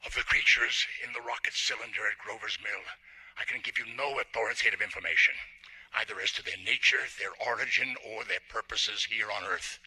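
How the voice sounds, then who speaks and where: An actor playing a solemn scientist in a 1930s radio drama, pedantic and deliberate, with a raspy voice. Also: male voice, lowish voice, sharp tone, exaggerated voice, rough recording. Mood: solemn, pondering.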